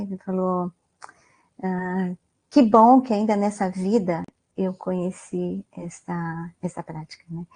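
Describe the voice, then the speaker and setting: A guest mindfulness lecturer with a Brazilian Portuguese accent speaks online in a dark-toned, medium-pitched voice. Chatty in style, she keeps adding "né?" and puts questions to the audience.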